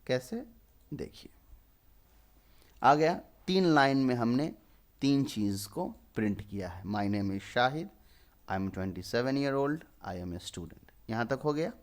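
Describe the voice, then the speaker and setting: A man's voice: mid-range voice, lively intonation, takes it slowly. A young man in his twenties teaching programming, explaining step by step and answering his own questions. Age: 20s. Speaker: programming tutor. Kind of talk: screen-recorded coding lesson.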